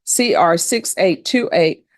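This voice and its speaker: A woman's voice: fairly low pitch, expressive, slow pace, no echo. Stern woman judge in a courtroom, close sound. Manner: stern, plain-spoken, admonishing. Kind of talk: courtroom questioning and lecturing in a courtroom.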